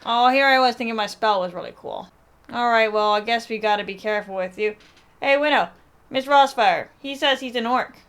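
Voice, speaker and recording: A woman's voice: a little high, fairly quick, fairly bright tone, clean tone. A woman playing her character in a tabletop role-playing game, teasing and joking. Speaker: player.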